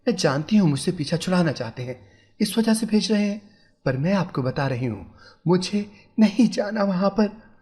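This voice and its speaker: A woman's voice: medium pitch, normal speed, warm tone, pitched above the performer's own voice, close to an everyday voice. A man voicing a frightened young bride who pleads and refuses through tears in a storybook tale. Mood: tearful pleading. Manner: pleading, tearful, stubborn. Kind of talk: storybook character voice.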